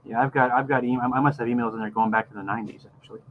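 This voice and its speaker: A man's voice: medium pitch, steady tone. Middle-aged man on a dull video call. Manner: halting, repeats words as he goes. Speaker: podcast co-host. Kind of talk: casual rambling chat on a video call. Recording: dull lo-fi video call, faint background noise.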